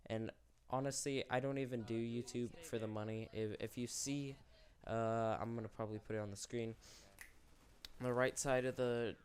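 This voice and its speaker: A mid-range male voice comes through with slight background noise. He's a young YouTube channel host giving unscripted commentary, rambling and candid, self-correcting as illness wears his voice down.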